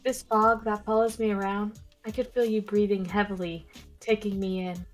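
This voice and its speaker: A woman's voice: mid-range voice, little pitch movement, normal speed, faint music behind, lightly acted. A woman reading the lines of a forward, seductive ghostly woman from a dating game in her plain voice. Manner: plain reading voice with little change.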